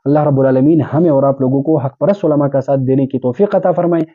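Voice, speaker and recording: A man's voice: mid-range voice, narrow, tinny audio. A man delivering an earnest sermon, exhorting listeners and explaining with everyday examples. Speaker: Islamic preacher. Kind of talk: urdu sermon.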